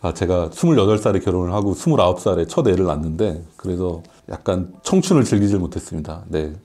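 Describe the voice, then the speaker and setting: A man's voice: sits low, animated, fast talker, warm tone. A man in his late forties, a professor chatting candidly and conversationally as a guest answering questions on a casual radio show. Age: late 40s.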